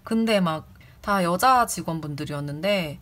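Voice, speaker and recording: A woman speaking at a moderate pace, her voice on the low side, relates a casual anecdote about a rude visitor from when she worked as a community office clerk. Indignant, she acts out those she quotes in raised voices.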